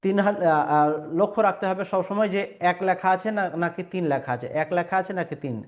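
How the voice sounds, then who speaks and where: A man with a somewhat high voice gives a patient lesson on pronouncing Arabic letters. He stretches each sound out to model it and pauses often with small fillers. The recording sounds dull and lo-fi. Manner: patient and explanatory, models sounds by drawing them out; frequent hesitation fillers. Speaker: Quran reading teacher.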